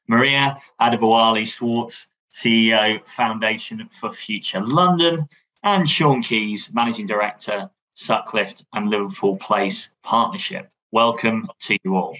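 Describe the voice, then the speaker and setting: Bright-toned man chairing a panel. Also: lowish voice, unhurried, low-quality recording. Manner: formal, with frequent fillers and restarts. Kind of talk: moderating an online panel. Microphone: video call.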